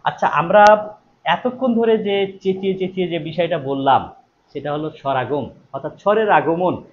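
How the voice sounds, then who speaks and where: A man's voice: a little high, normal speed. A man teaching a live online exam-prep class, repeating each question and then answering it himself, stressing key words. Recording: dull lo-fi stream audio with faint noise.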